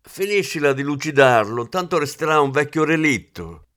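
A man voicing a brisk, impatient middle-aged police commissioner who gives orders. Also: mid-range voice, lively intonation, clear, resonant tone, no echo, clean studio sound, pitched above the performer's own voice, close to an everyday voice. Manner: commanding, impatient.

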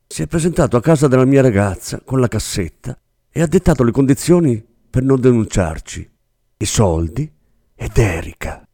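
A man voicing a scared young male clerk who pleads in a high, strained, hurried voice, in an audiobook reading. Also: lively intonation, mellow, no room sound, studio quality. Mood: frightened, pleading.

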